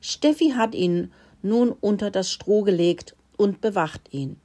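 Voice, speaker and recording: A woman voicing a caring, fretful father mouse in a children's story, speaking in a squeaky voice. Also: unhurried, mellow, natural voice. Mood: relieved. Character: caring but scolding older father mouse.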